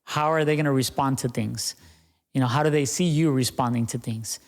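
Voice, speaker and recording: Speaking as a podcast guest, this young business owner makes earnest points, often closing them with "right?" and leaning on "you know." His medium-pitched voice is brisk and sounds like it's in a large hall.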